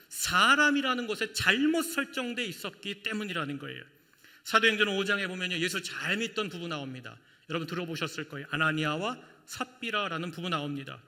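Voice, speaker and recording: A male pastor delivers a lively sermon in a high, sharply bright voice. His words ring out with a long hall reverb around them. He keeps turning to the congregation with rhetorical questions. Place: church sanctuary.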